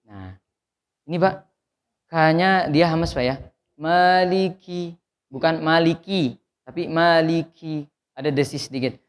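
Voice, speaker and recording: A man teaching Quran recitation in a mosque, correcting students with jokes and demonstrating each verse slowly. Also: a little high. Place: mosque hall. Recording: long hall reverb.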